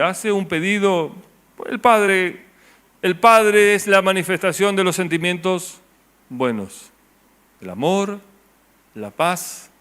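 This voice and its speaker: Male pastor, Rioplatense accent, sermon delivery; higher-pitched, drops to soft low tones for emphasis. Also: clear, resonant tone. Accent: Rioplatense Spanish. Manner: rhetorical questions to the congregation, voice dropping low and soft on key words.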